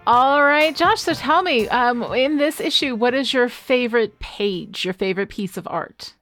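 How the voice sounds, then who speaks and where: A woman's voice: fairly high pitch, moderate pace, a bit bright, faint music behind. A woman co-hosting a podcast, chatting casually about comics with plenty of fillers. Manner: chatty, many fillers and agreeing murmurs. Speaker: podcast co-host.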